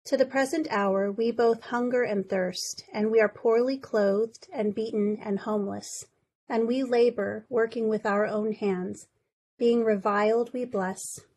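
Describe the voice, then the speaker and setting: A woman reading a scripture lesson aloud in a church service, measured and formal. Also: medium pitch, a little mellow, low-quality recording. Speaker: lay reader of the lesson.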